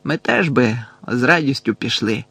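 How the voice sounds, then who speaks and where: A man's voice: medium pitch, animated, moderate pace, gravelly, fairly bright tone, husky, dry recording, full character voice. A man reading an audiobook, voicing a blunt, sulky teenage schoolboy who grumbles. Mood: grumbling. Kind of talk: audiobook character voice.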